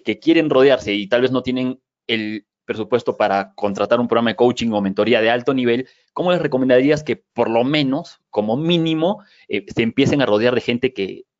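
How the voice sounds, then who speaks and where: A male interviewer asks long, winding questions, pausing and restarting often. His voice sits mid-range. The recording is dry and dull. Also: medium pitch, no echo. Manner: hesitant, many fillers and restarts while framing questions. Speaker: podcast interviewer. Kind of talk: conversational interview.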